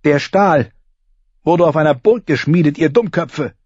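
A man voicing a fierce, defiant young girl who snaps back at bullies with a sharp tongue. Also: mid-range voice, sing-song, normal speed, breathy edge, no room sound, pitched above the performer's own voice. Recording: slightly muffled recording.

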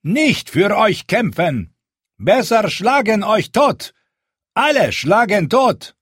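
A man voicing a hostile young male chieftain who speaks in halting, broken phrases with a heavy accent. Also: sits high, very animated, a bit bright, breathy edge, dry recording, studio quality, voice pushed up, heavily acted. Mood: furious.

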